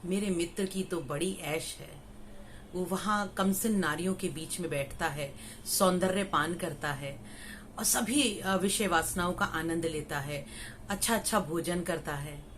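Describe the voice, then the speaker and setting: A woman's voice: lowish voice, measured pace, a bit bright, slight background noise. A woman voicing an envious young male temple cleaner in a spoken story.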